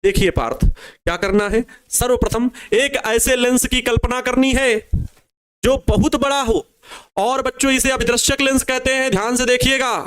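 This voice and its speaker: A young man teaches a physics crash course for board exams, and his voice sits unusually high. He dictates answers phrase by phrase, going back over each bit slowly, and breaks in with friendly asides to his students. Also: steady tone, fairly bright tone, smooth. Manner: casual asides calling students babua and babu.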